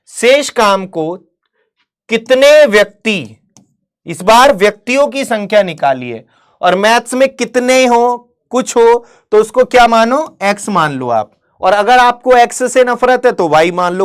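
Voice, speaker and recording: A woman with a voice of ordinary middle pitch gives an online exam-prep maths lesson. She speaks to her students as "beta" and "mere bhai", asking questions and answering them herself. She reads the English wording of each problem slowly, then explains it again. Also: very animated, smooth. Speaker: maths teacher.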